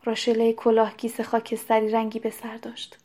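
A woman reads a novel aloud as audiobook narration. Her voice is fairly high and her pitch stays flat and even. Her delivery is steady and measured throughout.

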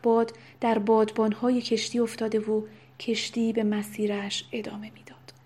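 A woman narrating a novel in a soft, unvoiced whisper with steady, even reading. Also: a little high, breathy edge. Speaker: audiobook narrator. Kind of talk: whispered storytelling.

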